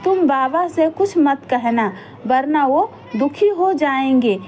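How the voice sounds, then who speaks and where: A woman voicing a calm, sensible boy who gently soothes his little sister. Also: high voice, slow, soft background music.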